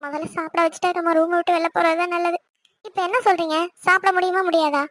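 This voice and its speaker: A woman voicing a young wife in an animated series, arguing and pleading quickly and insistently. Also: extremely high pitch, dry recording. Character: young wife, stubborn and outspoken.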